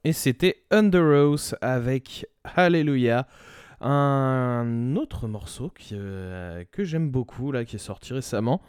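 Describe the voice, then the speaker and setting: A male radio host introducing the next tracks on a metal show, talking slowly and loosely, with frequent hesitation fillers. His pitch moves around a lot as he goes. The sound is dry and close. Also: animated, darkish tone, clear, resonant tone, no room sound. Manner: rambling, with many hesitation fillers. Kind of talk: casual radio presenting.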